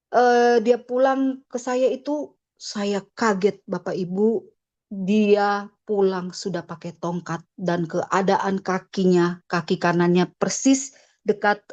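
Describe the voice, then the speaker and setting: A woman's voice: medium pitch, darkish tone, lo-fi sound. A middle-aged woman giving a personal church testimony, telling her story with feeling and acting out remembered conversations.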